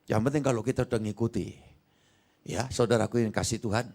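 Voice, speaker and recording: A man with an East Javanese Indonesian accent, preaching a lively sermon and acting out dialogue in different voices. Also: mid-range voice, fairly quick. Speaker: pastor. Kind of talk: lively sermon with acted anecdotes.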